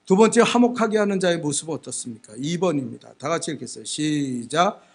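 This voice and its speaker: A man's voice: fairly high pitch, expressive, fairly quick, vocal fry, slightly rough. A male pastor preaching a sermon, telling a story with emphatic, repetitive phrasing. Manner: emphatic storytelling, repeats words for stress.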